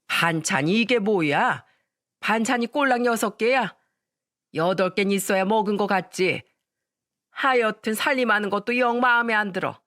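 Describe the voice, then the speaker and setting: A woman's voice: mid-range voice, normal speed, a bit bright, no room sound, close to an everyday voice. Woman doing a nagging older mother-in-law, demanding tone, story-radio drama, dry close sound. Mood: scolding. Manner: scolding, demanding.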